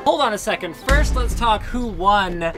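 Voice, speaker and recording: A casual vlog talker in the middle of a food challenge. The delivery is joking, with mock-formal complaints, at a middling pitch. Loud music plays behind the voice. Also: animated, unhurried.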